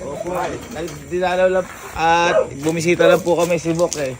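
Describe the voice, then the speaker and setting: A man's voice: on the high side, steady tone, normal speed, over a noisy crowd. A man, chatting politely and laughing easily while visiting a family. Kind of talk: casual chat. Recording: loud music over the talk.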